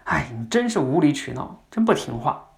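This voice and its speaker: Man playing a father talking to his child, coaxing, slightly gravelly. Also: fairly high pitch, big pitch swings, normal speed. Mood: exasperated. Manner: coaxing, exasperated. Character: soothing, then impatient young father.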